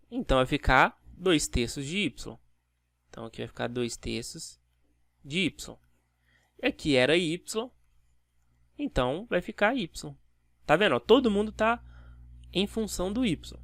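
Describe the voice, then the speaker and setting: Fairly high-voiced math teacher. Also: male voice, sing-song, unhurried, long pauses, a bit bright, no echo. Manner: explains step by step, with rhetorical questions to the viewer. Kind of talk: video math lesson.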